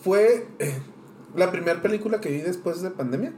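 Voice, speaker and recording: A man with a Mexican accent tells slangy stories in an animated way during a casual chat. His voice runs slightly high, and a roomy echo hangs around it. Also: moderate pace, slight background noise.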